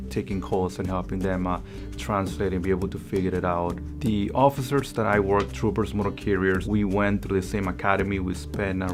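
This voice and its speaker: A man from Honduras, a state police motor carrier officer, speaking earnestly with some halting fillers. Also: deep voice. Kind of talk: interview testimony. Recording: music bed underneath.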